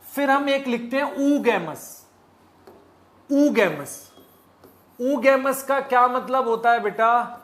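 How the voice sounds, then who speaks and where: A man's voice: very high-pitched, slow pace, pauses often, fairly bright tone. A man teaching biology in a live online lecture in speech, repeating key points and quizzing his students.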